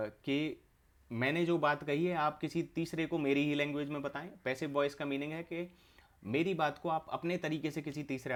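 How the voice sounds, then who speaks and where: A young adult man, teaching an online exam-prep English class, explaining each term step by step and repeating it. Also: a little high.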